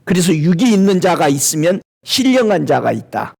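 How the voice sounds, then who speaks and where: A man of middle age preaching a sermon in a high, lively voice. He keeps asking his listeners questions and talks in an easy, spoken manner. His pitch climbs and falls a great deal as he goes. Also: normal speed, vocal fry, slightly rough. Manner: preaches with rhetorical questions and a colloquial tone. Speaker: pastor.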